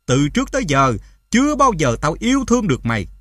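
A man voicing a cruel, drunken mother in an audiobook, shouting in a shrill, sneering way. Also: slow, no echo, clean studio sound, close to an everyday voice. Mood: furious. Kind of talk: audiobook character voice.

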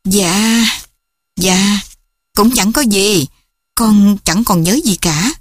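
A woman's voice: fairly high pitch, a little slow, no room sound, studio quality, pitched above the performer's own voice. A woman voicing a frightened young girl who cries out and sobs for her mother. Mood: flustered. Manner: wailing, sobbing cries.

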